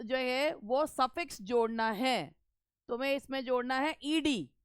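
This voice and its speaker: A woman teaching an English grammar lesson for exam preparation, reading rules out slowly and then explaining them in Hindi. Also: high voice, dry recording.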